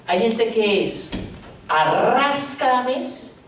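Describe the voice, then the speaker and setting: A man's voice: extremely high pitch, expressive, very slow, fairly bright tone. Joking male pastor in an echoey hall. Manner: joking, storytelling preacher with rhetorical questions. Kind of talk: sermon. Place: church hall. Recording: echoey church hall, distant mic, faint noise.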